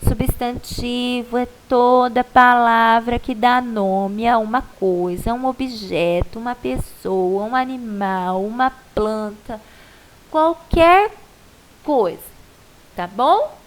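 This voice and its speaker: A woman's voice: on the high side, takes it slowly, poor audio. A Brazilian woman primary school teacher giving a patient, coaxing video lesson to a child, stretching out syllables to show stress.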